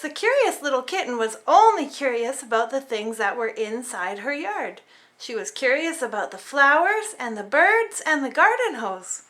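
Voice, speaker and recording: Her storytelling is animated and dramatic, aimed at tiny children as she reads a storybook aloud with theatrical flair. The voice is high and bright, leaping up and down in pitch.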